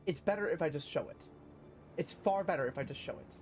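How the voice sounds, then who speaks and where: A man recaps a video game session for his channel in a casual, meandering way. He curses a lot and gets worked up at the twists. His voice sits slightly high, with faint music playing underneath. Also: brisk. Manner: rambling, profane, excitable storytelling. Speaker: gaming channel host.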